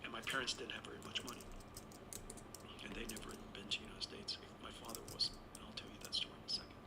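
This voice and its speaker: A gravelly, mid-range male voice talks fast and steadily against heavy background noise. The speaker is a Taiwan-born interview guest in his sixties who meanders through a long personal story, correcting himself along the way.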